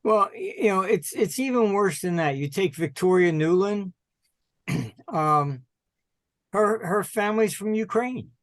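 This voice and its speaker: An older American man being interviewed as a guest, who talks in a halting, digressive way and often clears his throat. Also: high-pitched, expressive, fairly bright tone, no room sound, clean studio sound. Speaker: guest, market analyst. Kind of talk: conversational interview.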